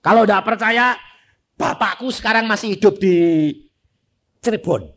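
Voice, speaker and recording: A man's voice: high-pitched, measured pace. A middle-aged man preaching a sermon in with a tinge. He tells personal stories bluntly and addresses the congregation directly. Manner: blunt, animated storytelling, speaks directly to the congregation.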